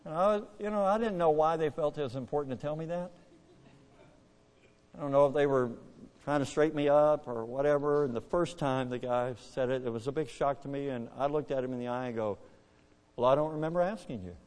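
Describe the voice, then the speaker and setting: Older male preacher, lively storyteller, loud swells and quiet drops, reverberant church hall. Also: fairly quick. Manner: animated, swings from hushed to booming. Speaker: pastor. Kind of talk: storytelling sermon.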